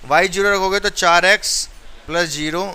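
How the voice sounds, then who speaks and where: A man's voice: sits high, fairly even intonation, normal speed, sharp tone, clear, resonant tone. A male maths teacher teaching a class step by step, counting aloud and urging his students. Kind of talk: classroom lesson.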